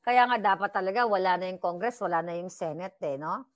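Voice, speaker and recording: A woman's voice: on the low side, fairly quick, no room sound. Blunt, teasing woman vlogger. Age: middle-aged. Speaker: political vlogger. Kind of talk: casual political chat.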